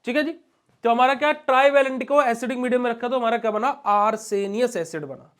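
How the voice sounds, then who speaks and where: Young male lecturer, high voice, coaxing question-and-answer teaching style. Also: fairly quick, smooth. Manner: asks questions and answers them himself, calls students "beta ji". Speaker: pharmacy lecturer. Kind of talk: classroom lecture.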